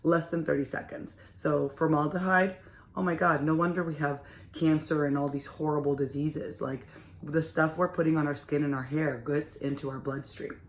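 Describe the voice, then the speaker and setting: A woman's voice: low-pitched, fairly even intonation, moderate pace. A hairdresser woman with a slight lisp walks viewers through a hair care routine in a casual, chatty way. She sounds roomy and echoey, recorded at a salon shampoo bowl with faint background noise. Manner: chatty, addresses viewers as you guys. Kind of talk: hair care tutorial vlog.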